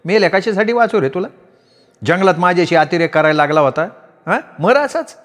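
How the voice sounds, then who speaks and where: A man putting on a bold, sharp-tongued village woman. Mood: fierce. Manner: raised, lively pitch, scolding and quick. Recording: long reverb.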